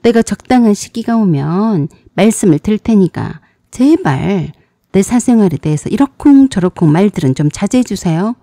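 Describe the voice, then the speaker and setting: A woman's voice: medium pitch, expressive, moderate pace, warm tone, no echo, clean studio sound. A woman voicing a proud, defensive younger sister in her forties in a storybook drama, with a sulky, insistent way of pleading.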